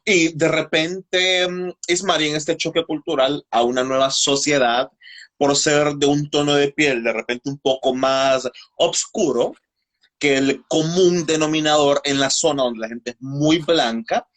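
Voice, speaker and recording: A man hosts a conversational interview, his voice sitting a little high. He builds long, winding questions before handing over to his guest. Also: fairly even intonation, a little slow, a bit bright. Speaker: interview host.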